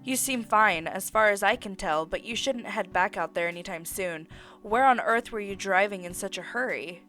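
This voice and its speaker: A woman's voice: medium pitch, normal speed, bright, forceful tone, soft background music, close to an everyday voice. A woman reading a fretful older male scientist. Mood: concerned. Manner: formal, fretful apologies. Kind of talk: reading a dating game aloud.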